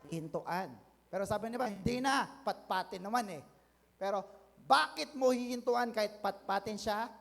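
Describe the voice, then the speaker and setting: A Filipino man preaches with a high voice, drawing amens from the congregation and swelling into loud, stretched declarations. His voice rings through a long hall reverb. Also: vocal fry. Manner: mixes English into preaching, calls for amens, builds to loud declarations. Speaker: pastor. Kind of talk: sermon.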